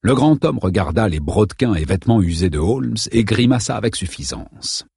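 A man reading a novel aloud as an audiobook narrator, in a steady, measured way. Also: on the low side, vocal fry, slightly rough, no room sound, studio quality.

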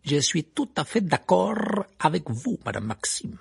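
A haughty, scornful headmaster, as a male audiobook reader plays him speaks in a raised, shrill voice. He sneers and huffs with sharp indignation, rising and falling widely. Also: sing-song, unhurried, creaky, breathy edge, full character voice. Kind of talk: audiobook character voice.

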